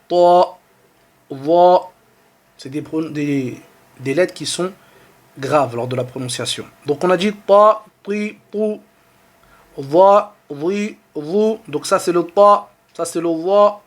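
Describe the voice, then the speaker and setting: French-accented guy with a high voice teaching arabic letters, patient, repeats the sounds slow. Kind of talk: online lesson.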